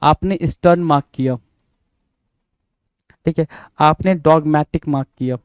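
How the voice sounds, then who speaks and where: A man's voice: fairly high pitch, takes it slowly, smooth, no echo. A man with an Indian accent teaching English vocabulary for an exam. He repeats each word, spells it out letter by letter, and keeps quizzing his students. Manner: repetitive, spells words letter by letter, quizzes listeners. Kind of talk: exam-prep vocabulary lesson.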